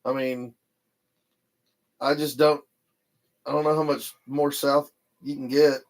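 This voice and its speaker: A man's voice: medium pitch, level tone, takes it slowly. A man, chatting casually on a livestream and reading viewer comments aloud. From Texas. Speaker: paranormal livestream host.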